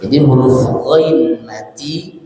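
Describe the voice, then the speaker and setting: A man teaching a class on melodic Quran recitation, explaining plainly, then singing drawn-out phrases for the class to repeat. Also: medium pitch, a crowd in the background. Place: mosque prayer hall. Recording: echoey hall, faint music.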